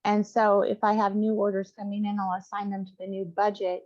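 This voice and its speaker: A woman's voice: medium pitch, completely flat delivery, fairly quick, a little mellow. Woman speaking over a group video call. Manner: hesitant, explaining step by step with frequent fillers. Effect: heard over a group video call. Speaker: library acquisitions staff member. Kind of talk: work meeting discussion. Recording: dull lo-fi video call audio.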